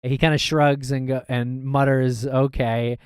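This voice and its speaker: A man's voice: medium pitch, normal speed, darkish tone, no echo, clean studio sound. A man co-hosting a podcast, chatting casually, laughing easily and narrating clips as they play. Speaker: podcast co-host.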